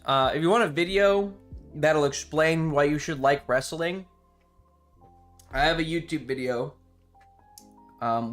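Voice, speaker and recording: This streamer's voice is fairly high and fairly bright as he rambles along with enthusiasm, swearing casually here and there. Background music runs under his talk.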